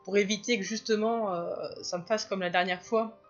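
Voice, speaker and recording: A woman talks loosely about her drawing process, rambling and stopping often to restart her sentences. Her voice sits in a middle pitch. The recording is a little dull, with faint music underneath. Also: fairly even intonation, moderate pace. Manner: rambling, hesitant, with many fillers and restarts. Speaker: drawing vlogger. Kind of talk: casual chat over a drawing video.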